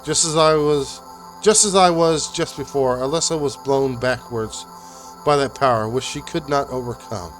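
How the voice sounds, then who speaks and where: Man reading a game aloud haltingly. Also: medium pitch, soft background music. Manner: halting, uneven reading with restarts. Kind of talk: reading a visual novel aloud.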